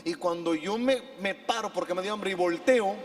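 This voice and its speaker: A Mexican pastor preaches from the pulpit with a fairly high voice, telling a personal story in an animated way and calling on the congregation to repeat his words. His voice rings out with the long reverb of a church hall. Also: moderate pace. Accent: Mexican Spanish. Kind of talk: preaching sermon with personal anecdote.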